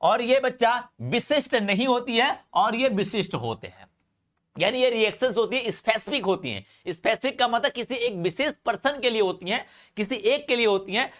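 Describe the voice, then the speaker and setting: A man with a Hindi accent teaching a live online chemistry class, talking fast, repeating each point and calling students brother. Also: high-pitched, fairly bright tone.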